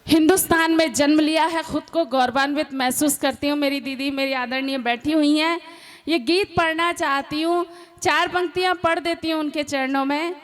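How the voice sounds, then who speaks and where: A woman poet on stage who sings her verses slowly and talks quickly between them, asking the audience to listen. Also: sits high, steady tone. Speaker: poet performing at a comic poetry gathering. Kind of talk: sung ghazal and song recital with spoken links. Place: stage at a live poetry event.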